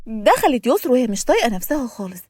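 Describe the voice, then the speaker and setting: A woman's voice: a little high, sing-song, racing, a little mellow, dry recording, studio quality. A woman narrating a spoken story and acting out every character herself.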